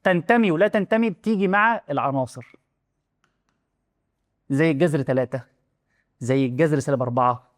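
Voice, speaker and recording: A young man with an Egyptian Arabic accent teaches math at breakneck speed, his voice sitting a little high for a man. He talks to the student in a loose, chatty way and keeps asking quick rhetorical questions. The sound is dry and close, with no room around it. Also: no echo. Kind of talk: casual classroom explanation.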